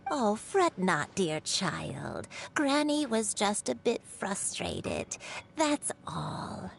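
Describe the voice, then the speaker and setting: A woman voicing a frail, forgetful old grandmother, reading game dialogue in a slow, sorrowful way. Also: medium pitch, huge pitch swings, a little hiss or hum, exaggerated voice. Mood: apologetic. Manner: slow, sorrowful, gravelly storytelling.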